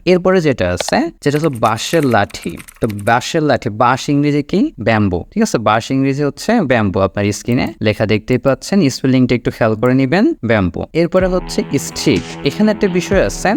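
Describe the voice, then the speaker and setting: A man teaching English, patiently explaining and repeating words slowly for pronunciation. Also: medium pitch. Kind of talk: spoken language lesson. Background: background music.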